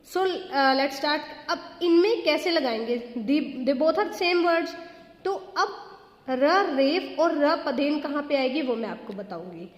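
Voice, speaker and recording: A school teacher with a high-pitched, expressive voice takes her time through a grammar lesson, explaining patiently and asking questions again and again. She mixes English phrases into her Hindi and draws out the example words. The room is echoey with a long reverb.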